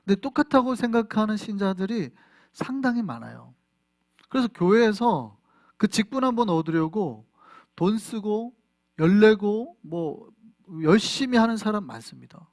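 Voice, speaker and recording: Lively high-voiced male pastor preaching. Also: normal speed, dry recording, studio quality. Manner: conversational preaching with rhetorical questions. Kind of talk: sermon. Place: church in Flushing, New York.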